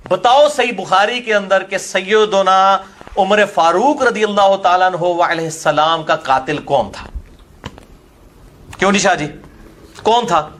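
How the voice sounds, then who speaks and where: Punjabi-accented male preacher, high-pitched, combative and mocking, fires questions at his listener. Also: fairly bright tone. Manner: combative, mocking, drifts between Urdu and Punjabi. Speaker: religious speaker. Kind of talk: polemical religious lecture.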